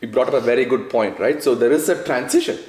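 A man's voice: mid-range voice, rapid-fire, a little mellow. A man, asking questions casually as an interview host. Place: large indoor living room by a fireplace. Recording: echoey room.

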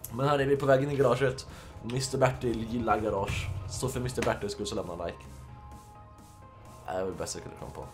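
A young man from Sweden, a gaming YouTuber, giving casual, joking let's-play commentary, swearing and laughing in bursts while feeling a bit under the weather. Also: mid-range voice.

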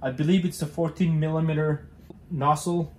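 A man's voice: a little high, steady tone, normal speed, reverberant, a little hiss or hum. A young man hosting a casual how-to demonstration, talking hesitantly with many fillers and restarts while he works with his hands in a cluttered garage. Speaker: DIY car channel host.

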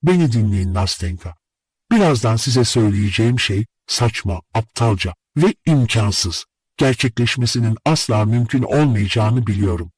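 A man's voice: lowish voice, expressive, normal speed, darkish tone, breathy edge, dry recording. A man voicing an earnest lovesick young man. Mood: confessing. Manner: earnest, heartfelt, imploring. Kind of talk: audiobook character reading.

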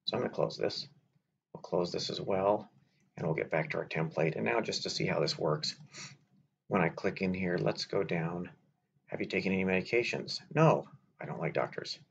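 Guy doing a screen-recorded software walkthrough, relaxed, kinda muffled audio with a faint hiss. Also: low voice, moderate pace, creaky. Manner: relaxed, explains step by step with filler words. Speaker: software tutorial presenter. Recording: slightly dull lo-fi audio with faint noise.

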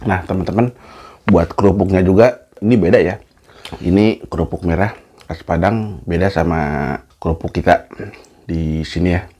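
A man's voice: low voice, moderate pace, mellow, a little hiss or hum. A man, chatting casually as a mukbang host while eating messily, talking between mouthfuls.

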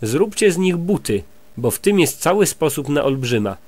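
A tiny, stubborn dancing sprite, put on by a man reading aloud. His voice goes noticeably higher and lighter for her. It is a bedtime storybook voice. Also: very animated, moderate pace, darkish tone, no echo. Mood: eager.

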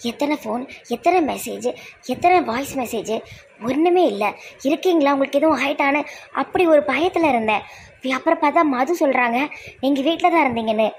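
Woman, high and gravelly, hurt and scolding doctor role, faint outdoor hum. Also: expressive, brisk. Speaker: doctor in a comedy skit. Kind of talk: acted comedy skit.

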